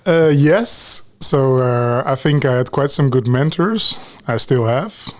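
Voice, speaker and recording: A relaxed Dutch man from the Netherlands in his forties, appearing as a guest and talent lead on a podcast, speaks slowly in a mid-range voice. He likes to tag his sentences with "huh?" and "eh?".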